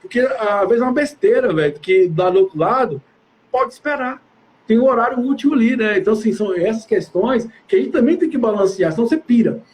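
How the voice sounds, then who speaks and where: Fast, very high-voiced man chatting. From Brazil. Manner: animated, slangy, addresses audience directly. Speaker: professional building manager, live co-host. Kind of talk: casual live chat.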